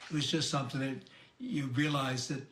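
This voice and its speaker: Recorded on a phone in the living room, this oral-history conversation features an interviewed grandfather in his 80s speaking with his grandson. His mid-range voice keeps a fairly even intonation, and he speaks slowly and gently, halting with pauses and restarts. The roomy home recording carries a faint hiss.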